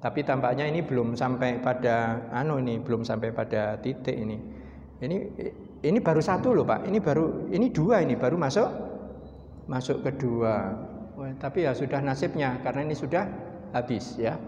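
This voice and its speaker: A man with a Javanese accent preaching at an evening study gathering, animated, acting out speakers, swinging from low murmurs to loud exclamations. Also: moderate pace. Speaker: Islamic preacher. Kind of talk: mosque study sermon. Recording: dull, roomy hall recording with faint noise.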